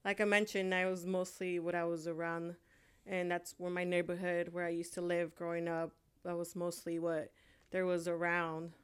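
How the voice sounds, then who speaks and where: A woman's voice: fairly low pitch, completely flat delivery, normal speed, clear, resonant tone. A young woman from Honduras in casual chat, talking hesitantly with many fillers. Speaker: co-host.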